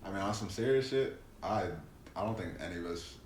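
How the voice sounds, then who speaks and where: A man's voice: low-pitched, brisk, darkish tone, roomy sound, slight background noise. A man co-hosting a podcast, talking bluntly and casually with profanity. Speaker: podcast co-host. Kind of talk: casual chat.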